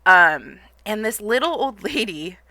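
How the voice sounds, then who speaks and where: Young woman, streamer, rambling storyteller, laughs a lot, crisp bright voice, dry close sound. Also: mid-range voice, a little slow, dry recording. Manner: rambling, animated, laughs often, lots of "like". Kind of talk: casual storytelling to a live chat.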